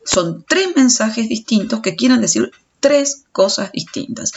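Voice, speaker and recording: A woman's voice: a little high, expressive, unhurried, gravelly, a little mellow, a little hiss or hum. Woman lecturing on a dull recording. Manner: explanatory, stumbling restarts on words. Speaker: teacher.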